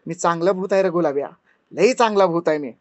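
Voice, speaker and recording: A man's voice: a little high, quick pace, no room sound, natural voice. A man voicing a kindly, teasing old male grandfather ghost in rustic village speech. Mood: gentle teasing.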